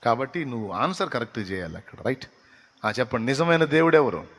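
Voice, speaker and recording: A man's voice: medium pitch, very animated, fast talker, a bit bright. A man preaching a sermon as pastor, often putting questions to his listeners. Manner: preaching with rhetorical questions to the congregation. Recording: long hall reverb.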